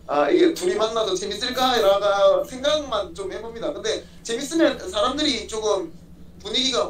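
A young man giving polite, halting interview answers, often repeating his own phrases, over a phone in a big indoor space. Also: high voice. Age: young adult. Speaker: MMA fighter being interviewed. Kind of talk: casual remote interview answers. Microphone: phone at arm's length, video call. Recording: echoey room, far-off mic, faint noise.

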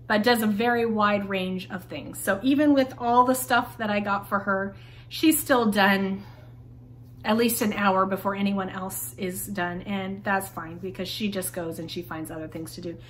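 A homeschool vlogger from Taiwan, a woman in her thirties, talks to camera about her daughter's homeschool curriculum from a home schoolroom lined with bookshelves. Her mid-range voice is a bit bright, and she's chatty and friendly, dropping "like" often.

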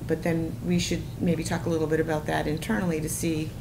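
A woman on city staff talks through scheduling in practical terms at a committee table. Her voice sits fairly low, and a clear background hum runs through the room. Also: little pitch movement, fast talker. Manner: practical, plans logistics aloud. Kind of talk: committee meeting discussion. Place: conference room around a large table.

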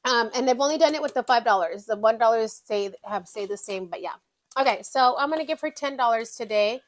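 A woman's voice: fairly high pitch, a little fast. A woman vlogging about her budget in casual chat, counting bills aloud and chatting to her savings binders.

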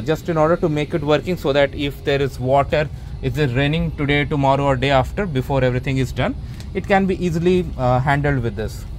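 A man casually narrating a walkthrough of his basement renovation, rambling with many fillers and restarts, filmed on a handheld camera. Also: medium pitch. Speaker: homeowner vlogger. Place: unfinished basement, later outdoors in a stairwell. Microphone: handheld or body camera, first-person view.

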